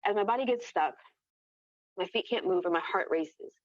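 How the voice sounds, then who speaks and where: A woman with a medium-pitched voice reads her own first-person story aloud as narrator, at a moderate pace. The recording is echoey and muffled, with a dull lo-fi sound.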